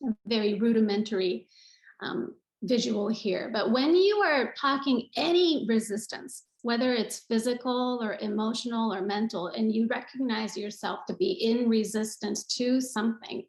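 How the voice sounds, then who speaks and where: A woman's voice: a little high, reverberant, poor audio. A woman giving an earnest online talk on yoga, repeating phrases for emphasis like a teacher. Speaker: yoga speaker. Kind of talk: online talk with screen share.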